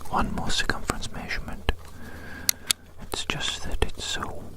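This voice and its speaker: In an ASMR roleplay, someone measuring the listener whispers softly in a soft, unvoiced whisper, gently reassuring and slowly repeating phrases.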